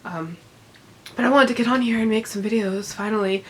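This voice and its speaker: Brisk and mid-range in voice, a woman recovering from illness and sounding congested chats about books she has read. As a book vlogger in an unedited, casual talk, she rambles with frequent ums and little laughs. A little hiss or hum sits in the background.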